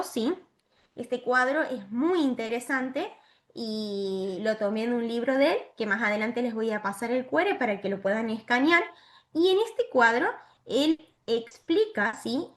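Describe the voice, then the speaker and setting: Woman teacher trainer on a video call, kinda high voice, explains step by step and keeps asking "¿sí?". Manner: explanatory, checks in with frequent "¿sí?". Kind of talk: virtual lesson for teachers.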